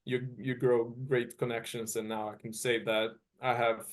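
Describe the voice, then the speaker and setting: Appearing as a guest college tennis player, this young Serbian man in his twenties, Serbian by birth and native tongue, responds to interview questions with earnest effort. He talks at normal speed in a level, mid-range voice, frequently starting over as he searches for the right words.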